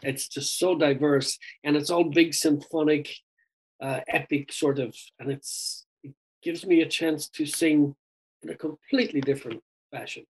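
A man's voice: fairly high pitch, fairly even intonation, normal speed, slightly rough, rough recording. A man, a singer being interviewed, talking in a chatty, rambling, casual way and often saying "dude". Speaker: guest singer. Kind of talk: casual chat.

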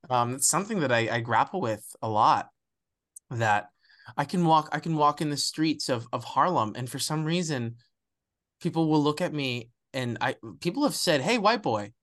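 A young man from the United States, an actor giving a candid, reflective interview, often pausing and restarting as he searches for words. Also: fairly high pitch, animated, a bit bright.

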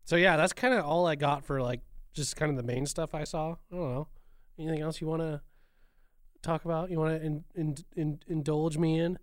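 A man's voice: fairly high pitch, steady tone, brisk, smooth, no room sound, clean studio sound. A man co-hosting a casual talk show, giving opinions in an informal, slangy way.

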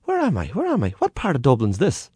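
A man's voice: mid-range voice, wildly swooping pitch, fast talker, mellow, breathy edge, no room sound, studio quality, pitched above the performer's own voice. A man voicing a bewildered, indignant old homeless Irish man, exclaiming plaintively, as a lilting storyteller's character.

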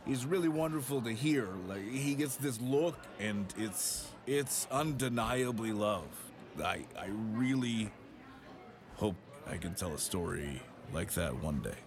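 A man on a dinner date speaking scripted romantic lines, hesitant and gently flirtatious, often repeating his words. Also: lowish voice, lively intonation, a little slow, crowd noise.

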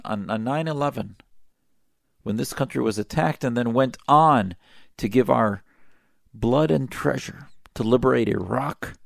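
A man's voice: mid-range voice, creaky, no room sound, clean studio sound. A man hosting a talk radio show, delivering impassioned, emphatic commentary with a sarcastic edge.

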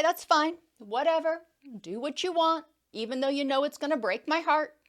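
Female counselor, educational talk, slightly high voice, explanatory. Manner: explanatory, uses everyday examples.

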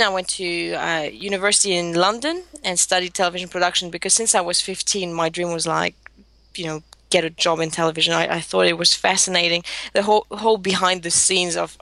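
A woman in her thirties who was raised in Greece and works in social media marketing appears as a guest, telling her story in a chatty interview. Her voice sits on the low side with a sharp tone, and she laughs a lot and keeps restarting her sentences.

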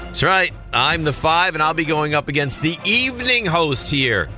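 A man's voice: on the high side, lively intonation, normal speed, pushed and bright, faint music behind. A man hosting a sports radio show, teasing his co-host and announcing bracket matchups with frequent laughter.

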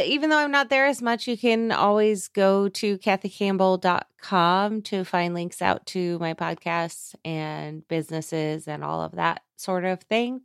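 A woman's voice: mid-range voice, clear, resonant tone, no echo, studio quality. A woman co-hosting a podcast, casually plugging her links in a friendly, upbeat way. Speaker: podcast co-host.

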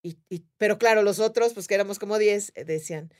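A woman's voice: mid-range voice, fast. A woman with a Mexican accent telling a story in casual conversation, acting out the voices of the people in it. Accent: Mexican Spanish. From Mérida, Mexico. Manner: animated, acts out voices of others in her story. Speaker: podcast guest.

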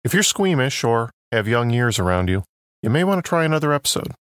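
A man hosting and narrating a scripted true crime story in a measured storytelling manner. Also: medium pitch, sing-song, a bit bright, no room sound. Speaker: podcast host and narrator. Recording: dry studio with faint music behind.

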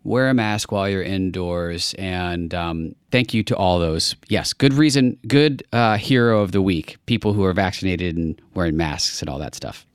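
A man's voice: low-pitched, moderate pace, hardly any pauses, clean tone, no echo, studio quality. A man co-hosting a podcast, chatting casually and earnestly about hopeful news. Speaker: podcast co-host. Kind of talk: casual chat.

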